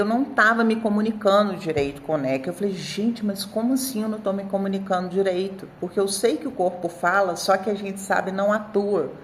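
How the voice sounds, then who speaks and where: A woman in her thirties with a Brazilian Portuguese accent, a dog trainer presenting an article in a chatty, animated storytelling way, talking straight to her viewers. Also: medium pitch, slight background noise. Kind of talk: casual video presentation of an article.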